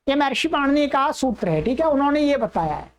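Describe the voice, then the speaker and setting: A woman teaching an online class, patiently repeating each sound slowly for her learners. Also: high voice, very animated. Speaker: Sanskrit teacher.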